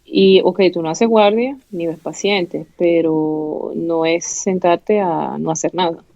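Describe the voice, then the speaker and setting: Guesting on a casual interview, a pathology resident from Venezuela in her thirties talks openly in Venezuelan Spanish, stumbling through many fillers and restarts. She speaks slowly in a lowish, warm voice with vocal fry and fairly even intonation, and the recording is dry, dull, and lo-fi.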